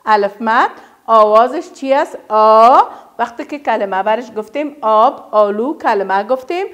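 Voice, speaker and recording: A woman with an Afghan Dari accent teaching a first-grade reading lesson, stretching out words slowly for children to repeat and praising often. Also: fairly high pitch, lively intonation, fairly bright tone. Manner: drawn-out, emphatic modelling of words for children to repeat; praises often, asks quick questions and answers them herself. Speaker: primary school teacher.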